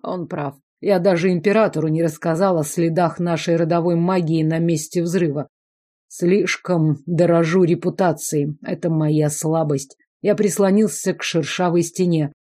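A woman reading a first-person fantasy novel aloud in even, measured scripted audiobook narration. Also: lowish voice. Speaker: audiobook reader.

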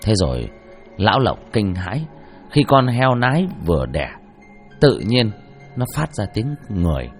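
A man narrates a spooky folk tale in a low voice that swings widely through the drama. Faint background music runs under the telling. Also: a little slow. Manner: dramatic, expressive. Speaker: storyteller. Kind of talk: narrating a ghost story.

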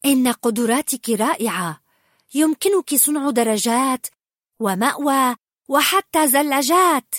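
A woman's voice: sits high, lively intonation, unhurried, a bit bright, dry recording, clean studio sound, voice pushed up, full character voice. A woman voicing a shy young troll boy. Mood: earnest. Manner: bashful, stumbling speech.

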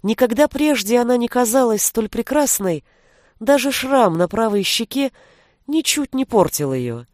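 A woman narrating a fantasy audiobook in an even storytelling voice. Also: on the high side, a little slow, no echo, studio quality.

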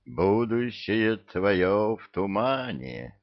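A man voicing a dazed fakir prophet in a trance, speaking in a sepulchral voice with slow, drawn-out intoning. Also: lowish voice, very animated, muffled recording, full character voice. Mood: entranced.

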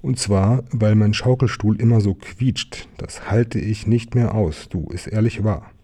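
A man's voice: lowish voice, measured pace, dark tone, husky. A man doing an eager little tiger cub. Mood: fussy.

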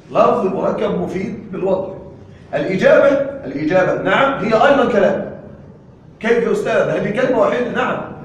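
A man with a fairly high voice gives a grammar lesson, his words ringing through a very echoey room. He talks in a lively, animated way and keeps turning to the class with questions to check that they follow. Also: lo-fi sound, a little hiss or hum. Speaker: Arabic grammar teacher. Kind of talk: classroom lecture.

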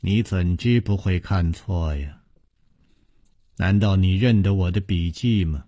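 A man's voice: on the low side, expressive, slow pace, mellow, slightly rough, pitched below the performer's own voice, exaggerated voice. A man reading a cold, aloof widow in a storybook. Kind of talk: storytelling broadcast.

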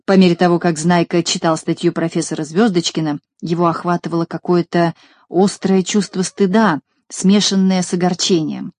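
Expressive woman reading a storybook. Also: on the low side, normal speed, dry recording. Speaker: audiobook reader. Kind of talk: scripted storybook narration.

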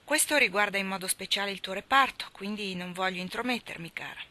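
A woman reading aloud, voicing a kindly grown schoolmaster who scolds gently and affectionately. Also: medium pitch, fast talker, lightly acted. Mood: gentle.

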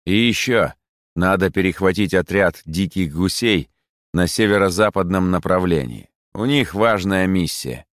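A cold, deep-voiced robotic hawk admiral and secret traitor, played by a male narrator. He speaks slowly, with icy authority. The sound is dry and close. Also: animated, a bit bright, dry recording.

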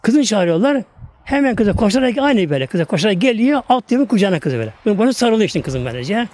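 High-voiced man preaching a sermon. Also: sing-song, fast talker, a little mellow, no echo. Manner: repetitive, fervent storytelling. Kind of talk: sermon storytelling.

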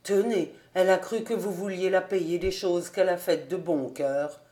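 A woman reading aloud who voices a gentle older male farmer in a low, sober way. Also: steady tone, moderate pace, reverberant, close to an everyday voice.

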